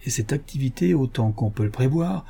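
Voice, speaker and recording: Brief: a male reader doing a silky villainous tempter, warm husky tone, wheedling. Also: medium pitch, expressive, fairly quick. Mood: pressing. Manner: soft, coaxing, persuasive. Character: smooth-talking scheming male tempter, persuasive. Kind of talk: audiobook character voice.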